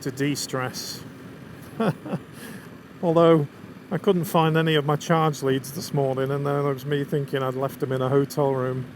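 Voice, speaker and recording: With a Lancashire accent and a mid-range, level voice, this English motorcycle vlogger talks at a normal speed with few pauses. He chats enthusiastically to viewers about his bike and the surrounding scenery while riding outside, amid nonstop wind, road and vehicle sounds.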